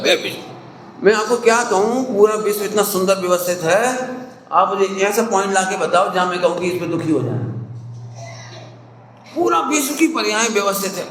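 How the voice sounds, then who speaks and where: A man giving a conversational sermon to a gathering, acting out scolding parents and quoted people in a sharp rising voice. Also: high voice. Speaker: Jain preacher. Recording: echoey hall, faint hum.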